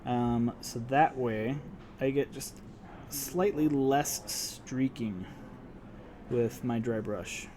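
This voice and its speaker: A man's voice: medium pitch, very slow, darkish tone, a little hiss or hum. A man with a Utah accent casually talking through a painting tutorial, laid-back and dropping his T's. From Utah, United States. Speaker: host, miniature painting instructor.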